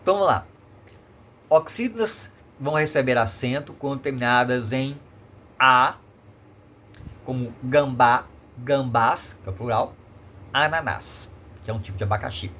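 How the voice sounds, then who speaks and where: Brazilian male teacher, remote lesson, animated pitch, repeats and checks understanding, faint noise. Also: normal speed, long pauses. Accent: Brazilian Portuguese. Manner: repetitive, explanatory, checks in with tag questions. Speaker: Portuguese teacher.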